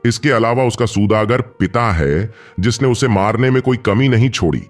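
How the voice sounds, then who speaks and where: A man with a medium-pitched voice narrates at a normal speed, acting as a storyteller for a scripted, dramatic moral tale. Background music plays as a bed behind his narration.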